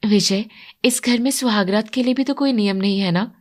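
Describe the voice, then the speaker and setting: A woman's voice: mid-range voice, moderate pace, natural voice. Playful, outspoken new bride, read by a woman narrator. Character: bold cheerful young bride.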